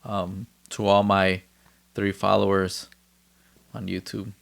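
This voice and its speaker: Podcast host, male, low gravelly voice, laid-back and jokey. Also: level tone, slow pace. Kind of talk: casual chat.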